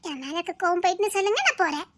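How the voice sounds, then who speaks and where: Woman doing a meek high-voiced village girl. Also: very fast. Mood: pleading. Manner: soft, pleading and meek. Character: sweet-natured young village girl, soft and pleading. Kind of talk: home-made family drama acting.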